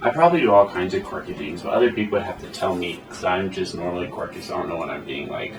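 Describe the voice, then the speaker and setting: A man with a fairly low voice chats casually about his work as an animator, drifting from one self-amused story to the next. He sounds a little distant from the mic in a reverberant room. A faint hiss sits under the recording. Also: quick pace. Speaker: animator interviewee. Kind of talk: casual interview chat.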